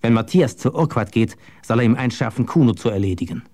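A man reading an audiobook, voicing a battered male conspirator who speaks low and grim. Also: animated, quick pace, mellow, natural voice. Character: beaten, hateful young male conspirator.

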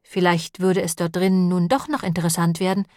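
A woman narrating an audiobook in a calm, even storytelling manner. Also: on the low side, brisk, no echo, clean studio sound.

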